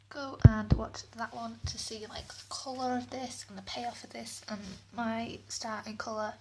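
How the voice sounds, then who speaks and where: A woman's voice: a little high, background noise. A woman chatting casually through a beauty product review, recorded in a small bathroom that gives her voice an echo. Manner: chatty, rambling. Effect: room echo off bathroom walls. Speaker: beauty vlogger.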